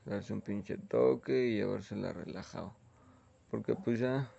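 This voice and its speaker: A man's voice: lowish voice, measured pace, vocal fry, dark tone, highs cut off, a little hiss or hum. A young man with a Mexican accent, rambling laid-back and full of slang in a casual chat from his bedroom. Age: young adult. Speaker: vlogger.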